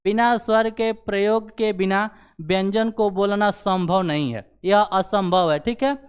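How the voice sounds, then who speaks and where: A man's voice: high-pitched, measured pace, clear, resonant tone. A man teaching grammar in a classroom style, asking questions and answering them himself, and saying "theek hai" again and again. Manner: repeats "ठीक है" after nearly every sentence.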